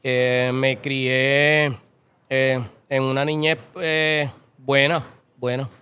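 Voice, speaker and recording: A middle-aged man from Puerto Rico with a Puerto Rican Spanish accent, a guest in a casual interview, relaxed and often repeating his phrases. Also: medium pitch, very slow, smooth. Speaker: interview guest, horse breeder.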